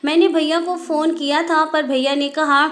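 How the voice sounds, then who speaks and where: A woman's voice: high-pitched, little pitch movement, moderate pace, fairly bright tone. A woman voicing a guilty, distressed teenage schoolboy who pleads tearfully in a storybook tale. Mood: pleading.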